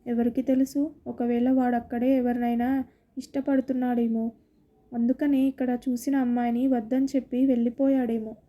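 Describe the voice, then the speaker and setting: A woman's voice: a little high, little pitch movement, moderate pace, dull audio, lightly acted. A woman reading a story aloud, voicing a hurt, resentful middle-aged mother. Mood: bitter. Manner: resentful, wounded.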